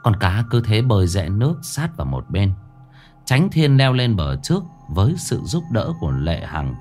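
A male storyteller narrates a spooky tale in the first person. His fairly low voice rises and falls widely as he dramatizes the scenes. Soft music plays faintly underneath. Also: huge pitch swings, moderate pace. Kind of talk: scripted ghost story narration.

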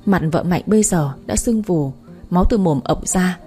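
A woman narrates a read-aloud story in a measured storytelling manner. Her voice sits low and sounds dark and mellow. Faint music runs softly behind her.

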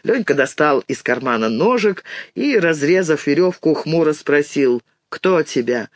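A man narrating an audiobook in an even storytelling manner on a close mic. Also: on the high side, normal speed, no echo. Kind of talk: scripted narration.

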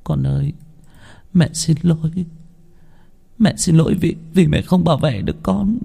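Man doing a gentle grieving mother, soft pleading voice, husky, raised pitch. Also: lively intonation, moderate pace, exaggerated voice. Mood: apologetic. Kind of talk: dramatic story reading.

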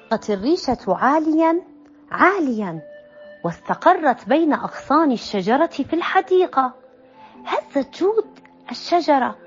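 A woman reading a children's storybook aloud expressively, calling out page turns, in a slightly dull recording with faint music. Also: sits high.

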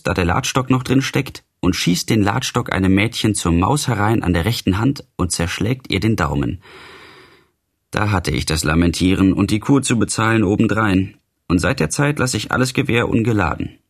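A man's voice: on the low side, lively intonation, normal speed, slightly rough. A man voicing Albert, a level-headed, matter-of-fact young man, in a literary audiobook reading. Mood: chatty.

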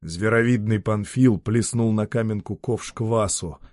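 A man with a fairly low voice reads a classic story in a steady, measured tone. He sits right at the mic in a dry, close space with no room sound. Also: no room sound. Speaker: narrator. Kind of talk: audiobook literary reading.

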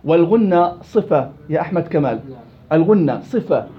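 A man teaching a Quran recitation class, quizzing his students by name in a lively way. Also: fairly high pitch, normal speed, slight background noise. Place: indoor study circle. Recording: dull lo-fi recording.

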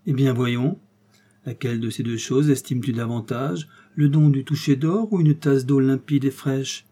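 A man voicing a mysterious supernatural stranger who questions gently and evenly, with a husky, dark voice. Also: mid-range voice, steady tone, normal speed, close to an everyday voice. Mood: probing. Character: mysterious smiling stranger, supernatural, calm and knowing.

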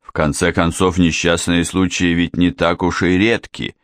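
Guy reading a grumpy shouty dad, deep gruff voice. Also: flat delivery, normal speed, no echo, clean studio sound, natural voice. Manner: gruff, snapping. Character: irritable, blustering middle-aged father.

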